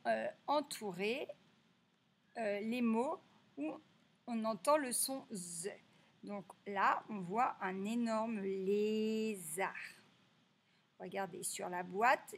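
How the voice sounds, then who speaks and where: A woman teacher giving a slow, clearly articulated reading lesson for young children, stretching out key words. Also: mid-range voice, slight background noise.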